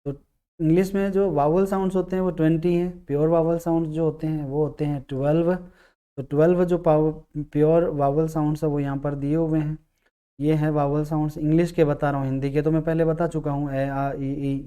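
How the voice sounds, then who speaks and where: A man teaching English grammar, explaining patiently, repeating key words and sounding out vowels slowly. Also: a little high, flat delivery, dark tone, clean tone. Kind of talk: classroom-style explanation.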